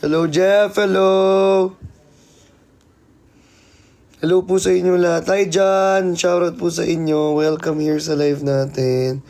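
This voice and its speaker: A man's voice: a little high, level tone, slow pace, long pauses, a little mellow. A man hosting a casual live stream, playfully teasing and thanking viewers by name. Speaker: livestreamer.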